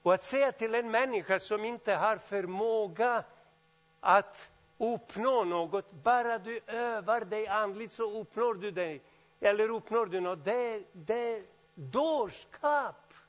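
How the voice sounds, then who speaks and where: Guy preaching, high voice, gets loud then goes quiet, kinda muffled sound. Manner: animated, swings from loud exclamations to quiet asides. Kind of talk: sermon.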